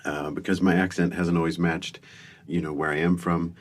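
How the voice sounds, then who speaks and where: Low, level in tone and at normal speed, the voice belongs to a middle-aged man born in the United Kingdom to American parents. He is a comedian guesting on a relaxed interview, telling wry stories at his own expense and restarting often.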